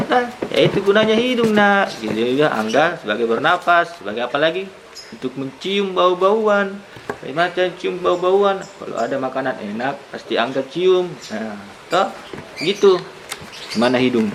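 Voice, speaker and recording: A man's voice: a little high, a bit bright, slight background noise, poor audio. A man teaching a young child, patient and coaxing, asking many questions. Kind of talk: one-on-one lesson with a young child.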